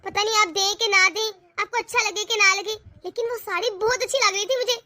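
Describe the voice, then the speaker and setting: A woman voicing a spoiled, eager young college girl in an animated family cartoon, wheedling to get her way. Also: extremely high pitch, brisk.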